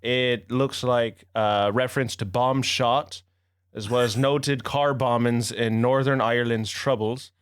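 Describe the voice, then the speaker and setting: This man speaks in a mid-range, relaxed voice, taking his time to explain things. He drifts into reading lookup results aloud mid-chat. The recording is dry and close. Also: mid-range voice, measured pace, clean tone, no echo. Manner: easygoing, explains at length, reads search results aloud. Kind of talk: casual chat.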